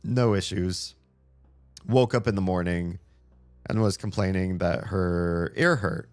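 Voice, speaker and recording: Speaking slowly in a low voice with soft music in the background, a streamer in his thirties chats while playing a game. He's losing his voice, and his relaxed, rambling talk is full of fillers.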